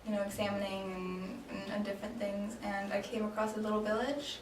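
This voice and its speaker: This Danish woman, in her late twenties, speaks briskly at a medium pitch with a flat delivery. Playing along in a relaxed role-play interview, she stumbles through her answers, full of ums and false starts. Her voice is picked up from afar in an echoey room with a little background noise.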